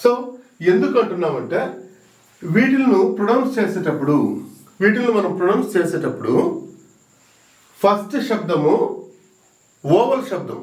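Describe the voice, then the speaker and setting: A man teaching an exam-prep English grammar lesson, slow and emphatic, repeating key words and sounding out letters. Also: high-pitched, big pitch swings. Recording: roomy echo, mic at a distance.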